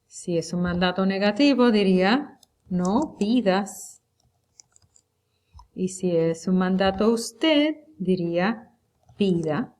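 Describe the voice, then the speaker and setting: A woman teaching Spanish, reviewing a unit for an exam. She speaks slowly and deliberately and draws out the example words. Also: mid-range voice, expressive, a little mellow. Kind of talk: recorded lecture review.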